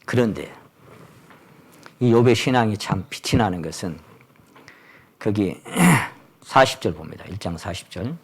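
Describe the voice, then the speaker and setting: A man preaching a Sunday sermon with dramatic swings between hushed words and exclamations. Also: lowish voice, expressive, a little slow, pauses often, breathy edge. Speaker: pastor. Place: church service.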